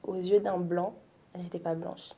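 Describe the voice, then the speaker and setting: With measured pacing, a lowish flat voice and some vocal fry, a woman in her twenties from France recounts her story in a casual interview. She comes across as thoughtful, using many fillers and soft laughs.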